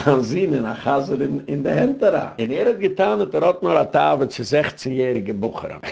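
A man's voice: medium pitch, vocal fry, darkish tone, breathy edge, no room sound. A man speaking as a rabbi in an informal community lecture, rambling and anecdotal, dropping English phrases into his speech.

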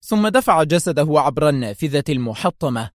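A man's voice: fairly high pitch, fairly quick, dry recording, studio quality. Dramatic male novel narrator. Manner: steady, dramatic storytelling.

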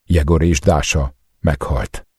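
A man's voice: extremely low pitch, fairly even intonation, darkish tone, husky, dry recording, studio quality, full character voice. A man voicing a frightened mafia underling whose voice trembles and who gasps for breath.

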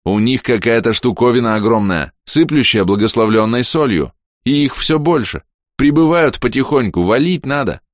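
A man's voice: mid-range voice, animated, normal speed, no room sound, clean studio sound, voice pushed up, close to an everyday voice. A man voicing an earnest young woman who speaks urgently and pleadingly.

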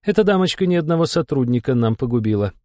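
A man voicing a weary, sarcastic female demon supervisor with a husky, irritated voice. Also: mid-range voice, lively intonation, quick pace, warm tone, dry recording, clean studio sound, pitched above the performer's own voice, natural voice. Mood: irritated mocking. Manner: irritated, mocking, drawling. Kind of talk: audiobook character voice.

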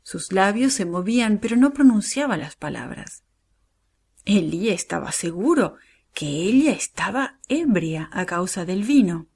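A woman reads a Bible story to children, warm and expressive, her voice rising and falling widely. Her pitch sits in a middle range. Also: measured pace, husky. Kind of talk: scripted narration for children.

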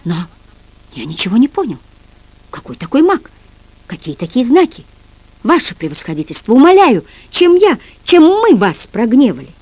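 A timid, bewildered father stammers and pleads before a powerful man, as a woman reads him in an audiobook. His voice leaps about in pitch, recorded dry and close. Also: very animated, moderate pace, a little mellow, husky, dry recording, highs cut off, heavily acted. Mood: pleading. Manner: flustered, pleading. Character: bewildered retired cavalry officer father, timid.

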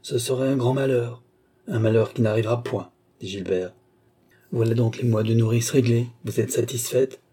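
A man reading as an earnest young gentleman. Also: medium pitch, fairly even intonation, moderate pace, slightly rough, lightly acted. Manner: courteous, earnest.

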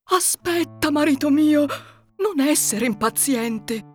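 A woman voicing the ogre's timid, kindly wife in a storybook reading, soft and coaxing. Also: high voice, lively intonation, takes it slowly, faint music behind. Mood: pleading.

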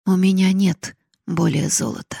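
Woman reading a calm defiant daughter. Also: fairly low pitch, moderate pace, creaky, slightly rough, dry recording, studio quality, full character voice. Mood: firm. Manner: calm and steady. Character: young woman, firm daughter defying her father. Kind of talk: audiobook reading.

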